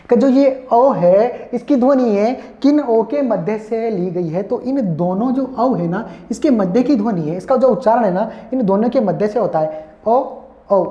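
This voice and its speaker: A man teaching an exam-prep class, explaining each point over and over, calling his students friends and slowly sounding out vowels. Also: high voice, mellow. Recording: echoey room, dull lo-fi sound.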